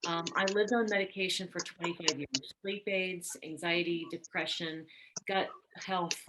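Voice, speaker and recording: A woman hosting an event, telling her own story in an animated, reassuring way. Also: on the low side, a little slow, background noise. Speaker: event host. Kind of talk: casual testimonial talk.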